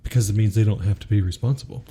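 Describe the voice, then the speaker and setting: A man's voice: fairly low pitch, very fast, warm tone, slightly rough. A man who is a podcast guest, talking earnestly about spiritual ideas in a preacher-like way. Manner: earnest, preacher-like, quotes scripture. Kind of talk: spiritual teaching in conversation.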